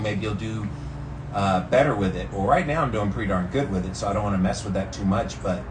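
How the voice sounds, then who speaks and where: An American man vlogging casually and enthusiastically while sitting in ice-cold water, with slangy, emphatic talk. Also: lowish voice. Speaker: vlogger doing a daily challenge. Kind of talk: casual rambling vlog talk. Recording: distant mic with faint background noise.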